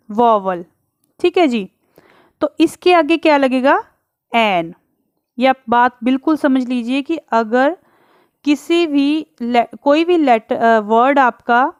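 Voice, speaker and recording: Slow, high-voiced woman teacher explaining grammar. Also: clean tone, no echo, studio quality. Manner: patient, repeats questions to the class. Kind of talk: explaining English grammar in Hindi.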